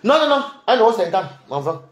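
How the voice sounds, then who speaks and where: A man's voice: high voice, big pitch swings. A young man ranting on a livestream in a taunting, mocking way. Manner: taunting, mocking, rapid-fire. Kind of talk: heated livestream rant. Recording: echoey room.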